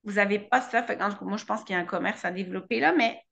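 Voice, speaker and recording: A woman's voice: mid-range voice, rapid-fire, vocal fry, a bit bright, muffled recording. A woman host with a French accent from France, chatting playfully in an interview and joking about herself. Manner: chatty, playful, self-mocking. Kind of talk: casual interview chat.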